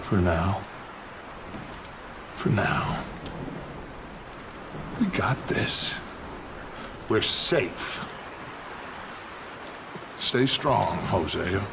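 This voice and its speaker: Casting: paternal, persuasive outlaw leader in a western game, low and gravelly, noisy ambience. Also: male voice, animated, heavily acted. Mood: confident, paternal. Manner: slow, deliberate, rallying speech. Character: confident middle-aged male outlaw gang leader, paternal and persuasive. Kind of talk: dramatic game acting.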